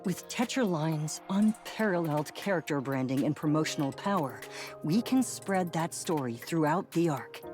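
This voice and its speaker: Filtered through a robotic voice changer, an actor's fairly high, animated and slightly mellow male voice plays a composed, formal corporate representative in a video game. Faint music sits behind his measured, persuasive, earnest delivery.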